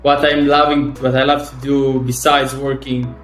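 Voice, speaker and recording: A man in his thirties from Israel speaks as a startup founder in a relaxed interview. He talks eagerly, with many fillers and restarts. His voice carries the echo of a roomy call recording, with faint music behind it. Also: mid-range voice, normal speed. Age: 30s. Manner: fillers and restarts, eager, slightly non-native phrasing. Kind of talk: casual interview chat. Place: home or office in Tel Aviv.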